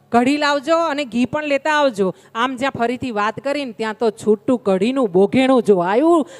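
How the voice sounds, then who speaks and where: A woman giving a devotional sermon, telling a story in a conversational, humorous way and speaking directly to her listeners. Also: a little high. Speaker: religious storyteller.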